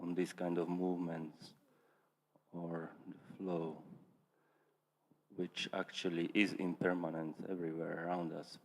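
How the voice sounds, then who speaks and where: A man asking a question as a student at a teaching, hesitant and searching for words. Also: sits low. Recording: long hall reverb.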